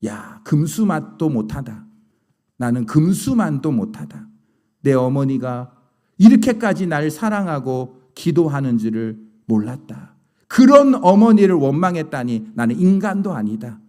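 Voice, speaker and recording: A man voicing a remorseful imprisoned adult son, speaking low as a lament, within a sermon story. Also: big pitch swings, unhurried, a little mellow. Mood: grieving.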